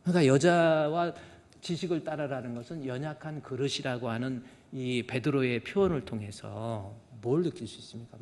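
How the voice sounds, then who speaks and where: A man's voice: mid-range voice, darkish tone, big-room sound. A man preaching a Sunday sermon as senior pastor, telling stories in a colloquial way and acting out the voices he quotes. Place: church sanctuary.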